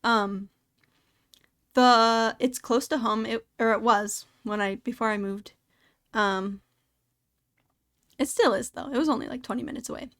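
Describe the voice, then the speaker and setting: A young woman with a slightly high-pitched voice chats casually as a podcast host. She rambles through stories with plenty of fillers and quick asides, speaking into a desktop streaming mic at home. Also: fairly even intonation, fairly bright tone. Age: young adult. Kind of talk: casual chat.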